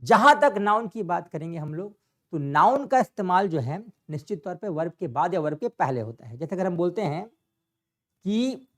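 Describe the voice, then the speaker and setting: A man's voice: high voice, big pitch swings, moderate pace, fairly bright tone. A man teaching English grammar in a classroom style, often asking a question and answering it himself. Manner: repetitive, asks and answers own questions. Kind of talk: classroom explanation.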